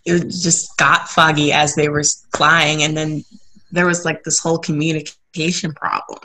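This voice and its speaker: A woman's voice: low-pitched, level tone, bright, forceful tone, slight background noise, rough recording. A woman in her twenties co-hosting a casual podcast, reasoning through her points one by one. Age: 20s. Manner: slow and reasoning, lays out points. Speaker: podcast co-host.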